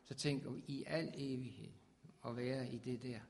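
A man preaching a sermon with fervor, his voice swelling loud on scripture. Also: mid-range voice, fairly even intonation, gravelly.

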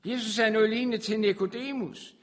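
High-voiced man preaching an emphatic sermon. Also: steady tone. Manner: emphatic, repeats phrases, swings from soft to loud.

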